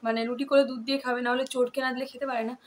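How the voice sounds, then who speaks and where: A young woman with a Medinipur Bengali tone chatting casually at home in a vlog, rushing her words with lots of fillers. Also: sits high, level tone, slight background noise. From Kolkata, West Bengal. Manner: rapid, run-on talk with many fillers. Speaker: vlogger. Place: home, indoors.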